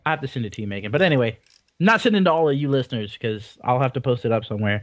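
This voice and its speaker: A man's voice: medium pitch, expressive, very fast, dry recording. A man co-hosting a casual gaming podcast, rambling and swearing casually with self-deprecating jokes. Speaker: podcast co-host. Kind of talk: casual chat.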